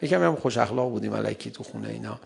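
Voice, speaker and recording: A middle-aged man with a lowish, creaky voice and lively intonation gives a humorous lecture on parenting to an audience. He laughs often and acts out short dialogues in this lively talk.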